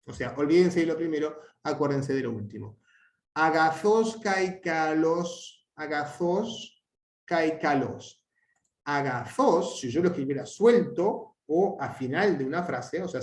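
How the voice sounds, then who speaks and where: A man's voice: on the high side, expressive, a little mellow. Hesitant man teaching, echoey room. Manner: hesitant, many restarts and fillers; drawn-out example words. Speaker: language teacher. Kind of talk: explanatory lecture.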